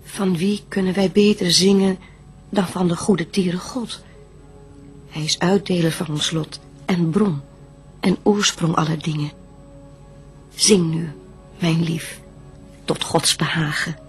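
An actress playing Eve, a devout and gentle bride, reciting solemn verse with measured reverence in a radio play. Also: female voice, on the low side, fairly even intonation, faint music behind. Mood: reverent.

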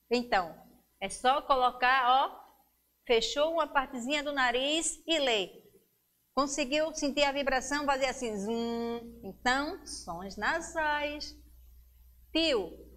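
Slow, encouraging woman teacher. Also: sits high, fairly bright tone. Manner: slow, clear and encouraging, drawing out words for young pupils. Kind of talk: children's lesson on a local education channel.

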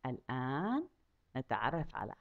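A woman teaching a kindergarten class, asking the children questions and drawing out each word slowly so they can repeat it. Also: very deep voice, huge pitch swings, gravelly, phone-quality sound. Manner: asks children questions and stretches out words slowly to model them. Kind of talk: lesson for young children.

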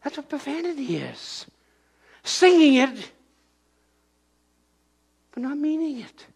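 In a church sanctuary, an older pastor with an extremely high-pitched voice and vocal fry preaches slowly. He moves around animatedly, raising his voice in bursts, pointing and shouting acted-out crowd voices.

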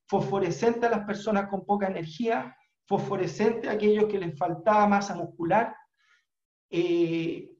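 A middle-aged man with a Chilean accent, a business trainer telling a motivational story in an earnest, unhurried way with frequent fillers, on a video call from a room at home. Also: sits high, fairly even intonation, a little mellow. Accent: Chilean Spanish. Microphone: webcam on video call. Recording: roomy, dull webcam audio.

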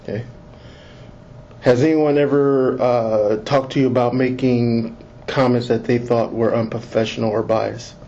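A man, a police lieutenant, reads a formal interview's set admonitions in a mellow, steady mid-range voice, slow and deliberate. The recording comes from an interview audio recorder, muffled and lo-fi with faint hiss, in the manner of an interrogation tape.

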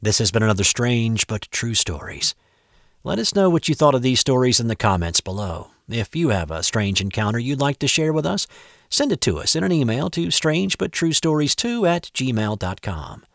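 A man hosting and narrating a submitted story in a measured, expressive read. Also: mid-range voice, vocal fry, no room sound, clean studio sound. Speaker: host and narrator. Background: faint background music.

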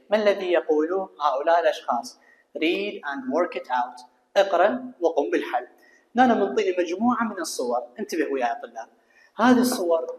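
A man with an Iraqi Arabic accent teaching English to students, reading phrases slowly and translating each one. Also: fairly high pitch. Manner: explains slowly, reads English phrases then translates them. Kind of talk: recorded classroom lesson. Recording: echoey room with long reverb.

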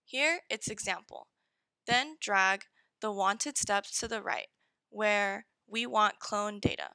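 A woman narrating a step-by-step software tutorial in short, direct instructions. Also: medium pitch, takes it slowly, vocal fry, dry recording, low-quality recording. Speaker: software demo presenter.

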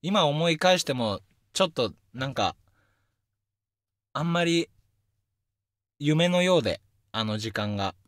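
Young male radio host, chatty and self-mocking, slightly high, very dry studio sound. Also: slow, long pauses, no room sound. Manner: lively, animated storytelling with self-deprecating asides. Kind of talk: casual solo radio talk. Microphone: studio microphone.

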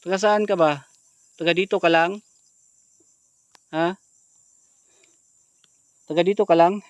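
A man vlogging outdoors on a mountain at night, out of breath, excitable, swinging between hushed narration and alarmed shouts. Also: sits high, takes it slowly, smooth, dry recording. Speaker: ghost-hunting vlogger. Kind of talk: casual vlog narration.

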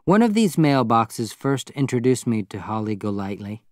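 A man reading a novel aloud as narrator in a measured, plain storytelling manner. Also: mid-range voice, big pitch swings, no echo, clean studio sound. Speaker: audiobook narrator. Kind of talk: scripted narration.

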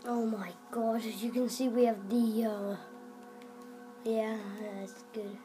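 A young-sounding gaming video maker improvises role-play commentary on a video game, rambling and exclaiming in a flat, slow, mid-range voice. The rough recording comes from a camera filming a TV indoors at home, with game music playing.

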